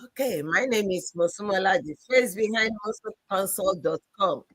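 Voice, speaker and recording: A woman from Nigeria introducing herself in a measured way on an online panel. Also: medium pitch, fairly bright tone, breathy edge, no room sound. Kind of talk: casual panel chat.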